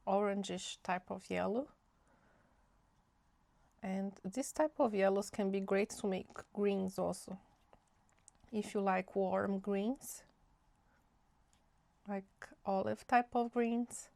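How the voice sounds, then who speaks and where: An art channel host, a young woman, works slowly through a relaxed watercolor swatching tutorial. Her medium-pitched voice is nasal from a cold and has some vocal fry, and she thinks aloud in a chatty, easygoing manner, recorded close and dry.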